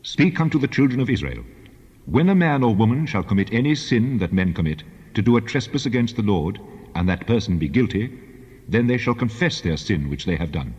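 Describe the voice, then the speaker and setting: An actor playing God as a solemn, commanding deity, pronouncing law in a measured, authoritative way in a dramatized scripture reading. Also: male voice, on the low side, big pitch swings, a little mellow, husky. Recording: long hall reverb, dull band-limited sound.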